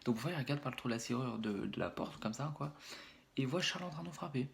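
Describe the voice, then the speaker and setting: Rambling young French YouTuber telling a story. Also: male voice, medium pitch, animated, fast talker, creaky, a little hiss or hum. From France. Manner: rambling, many fillers and restarts, acts out hits with sound words. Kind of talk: casual storytelling vlog.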